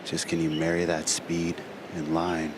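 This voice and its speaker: A man with a deep voice gives live on-course golf commentary. His remarks are terse and informal, describing each shot. The outdoor broadcast has clear noise behind him. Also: monotone, a little slow.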